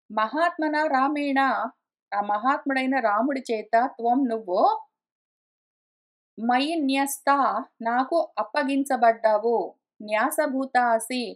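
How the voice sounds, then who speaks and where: A high-pitched woman leads a scripture lesson. She chants each verse slowly, line by line, then unpacks it in relaxed, conversational storytelling. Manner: slow chanting of verses, then plain explanation. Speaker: scripture teacher. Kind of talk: explaining Sanskrit verses in Telugu. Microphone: conference call line.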